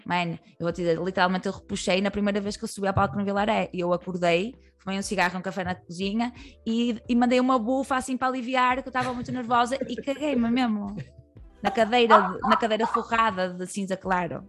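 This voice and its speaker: A woman's voice: medium pitch, steady tone, quick pace, faint music behind. A woman with a European Portuguese accent, a comedian talking candidly as a guest, rambling through many fillers and restarts. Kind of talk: candid podcast conversation.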